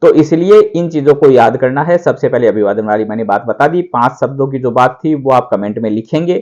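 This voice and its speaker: Male language teacher, mid-pitched, slow drilled repetition, slightly dull lo-fi audio. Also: animated, a little mellow. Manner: slow, drawn-out repetition of words for practice. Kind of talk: instructional video lesson.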